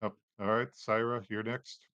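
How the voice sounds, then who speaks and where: Low-voiced male game master, dry sound. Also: clean tone, dry recording, lo-fi sound. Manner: relaxed, halting, many fillers. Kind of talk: narrating a tabletop game.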